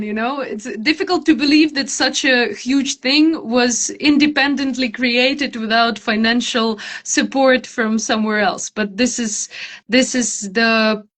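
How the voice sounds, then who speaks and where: Female interview guest, Ukrainian accent. Unhurried, hesitant, thoughtful delivery, slightly high pitch. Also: a bit bright. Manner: hesitant, searching for words. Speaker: interview guest, theater maker.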